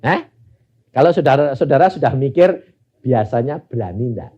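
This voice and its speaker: An older man with a Javanese-inflected Indonesian accent preaching a sermon, telling stories and acting out the dialogue, swinging from loud bursts to near-whispers. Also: mid-range voice, animated, normal speed, slightly rough, muffled recording. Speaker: pastor. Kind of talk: sermon with anecdotes.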